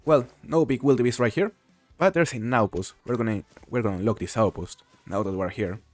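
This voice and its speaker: While playing on a casual live stream, a man from Mexico chats with his viewers and reads chat in a relaxed manner. His mid-range voice is fairly quick, there is no room sound, and faint music plays behind.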